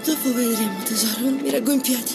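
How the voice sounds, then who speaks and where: Actress as an exhausted, high-voiced frightened mother. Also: fast talker, over loud music, close to an everyday voice. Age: adult. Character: exhausted, frightened battered mother of several children. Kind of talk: naturalistic film drama.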